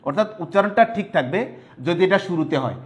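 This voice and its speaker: Higher-pitched teacher explaining patiently. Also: male voice, expressive, quick pace. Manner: explanatory, asks "clear?" to check understanding. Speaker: college Bengali teacher. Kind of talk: classroom grammar lecture.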